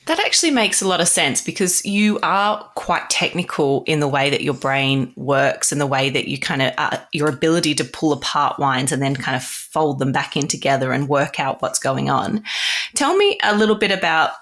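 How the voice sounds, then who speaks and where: A woman's voice: low-pitched, lively intonation, moderate pace, a bit bright. A woman with an Australian accent hosting a podcast interview, asking questions in a friendly, conversational way. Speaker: podcast host.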